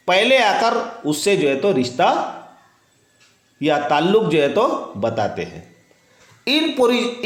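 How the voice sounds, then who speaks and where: A man teaching an English grammar lesson, explaining slowly and repeating himself with many fillers. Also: sits high, reverberant.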